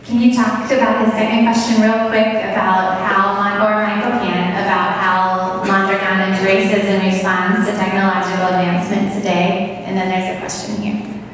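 A woman moderating a talk, briskly passing on audience questions. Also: mid-range voice, little pitch movement, slight background noise. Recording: echoey hall from far off.

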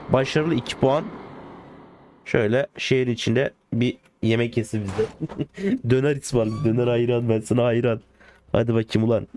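Guy doing casual gameplay commentary, hyped, jokey, yells at the cars, loud engine noise behind. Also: medium pitch. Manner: excitable, joking, talks to the game cars and swears playfully. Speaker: gaming YouTuber. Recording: game car sounds in the background. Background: game engine and car noise.

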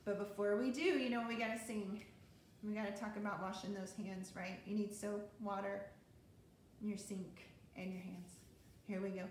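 A woman music therapist leading a sung lesson for children, cheerful and gentle as she sings and talks to the kids. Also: mid-range voice, steady tone, moderate pace, slight background noise. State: voice tiring from singing. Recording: very echoey room with guitar.

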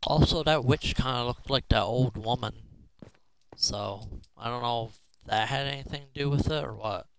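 A gamer who hosts a roleplay video series gives casual gameplay commentary, muttering to himself as he thinks aloud. His mid-range voice is creaky and fairly bright, at normal speed, with a little hiss or hum.

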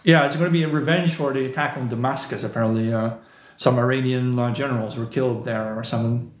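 A man's voice: mid-range voice, steady tone, fast talker, reverberant. A man from the southern Netherlands, hosting a live stream in a casual, rambling, opinionated way, often adding "you know". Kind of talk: casual live stream chat reading viewer comments.

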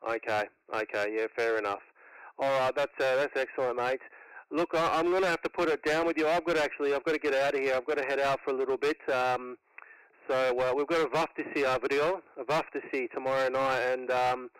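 A man's voice: mid-range voice, fairly even intonation, fairly quick, a bit bright, smooth, no echo, poor audio. A man with an Australian accent, making a casual ham radio contact in a laid-back, matey way. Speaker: amateur radio operator.

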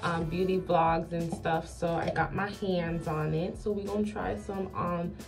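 A woman's voice: lowish voice, steady tone, a little slow, gravelly. A young woman vlogging casually in playful, tongue-in-cheek zoomer slang, speaking toward a camera in a small bathroom. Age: young adult. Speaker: beauty vlogger. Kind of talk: casual vlog chat. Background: music under the voice.

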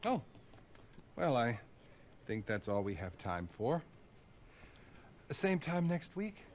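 A man voicing a calm therapist in a game cutscene who speaks with dry detachment. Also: mid-range voice, slow, a little hiss or hum. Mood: detached.

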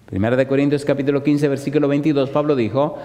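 A man preaching a sermon, firing rhetorical questions at the crowd and swinging from loud bursts to slow, hushed emphasis. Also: medium pitch, steady tone, big-room sound.

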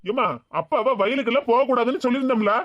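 A woman's voice: a little high, quick pace, natural voice. A woman doing a caring cartoon daughter. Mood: concerned. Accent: Tirunelveli Tamil. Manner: pleading, concerned. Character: caring grown-up child of the family. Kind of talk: cartoon voice acting. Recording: dull, muffled lo-fi audio.

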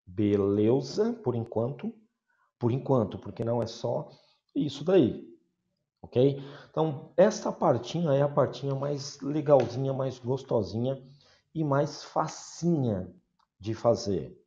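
A man from Brazil gives an English grammar lesson in a patient, explaining tone, often stopping to check that his students follow. His voice is dark and mellow. The recording sounds dull and low-fidelity. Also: expressive, slow pace. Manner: patient, repeats key words, checks in with "certo?" and "né?". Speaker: English teacher. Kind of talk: online class explaining grammar.

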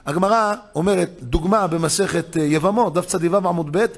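A man, a rabbi giving a weekly Torah lesson, telling stories with big swings between loud excited emphasis and low hushed asides. He acts out the voices of the people in his stories. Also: soft background music. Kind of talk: animated storytelling lesson.

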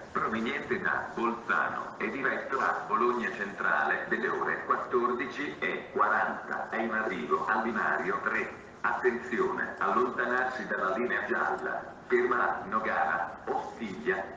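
A low-pitched man delivers a train station announcement in formal, segmented phrases, like an automated system. His voice rings out from a distant loudspeaker with a long, echoing reverb. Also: lively intonation, unhurried, muffled recording. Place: outdoor railway platform, heard over loudspeakers. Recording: echoey station loudspeaker from far off, noisy. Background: clear station ambient noise.

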